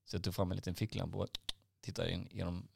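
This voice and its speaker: A man's voice: low voice, little pitch movement, vocal fry, darkish tone, husky, no room sound. A man in his forties, a podcast co-host, telling rambling IT work anecdotes with lots of fillers and swearing.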